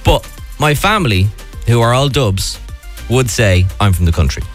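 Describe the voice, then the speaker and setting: A man's voice: medium pitch, moderate pace, soft background music. A young Irish man co-hosting a radio show, talking casually and poking fun at himself. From Ireland. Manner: animated, self-mocking. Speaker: radio co-host.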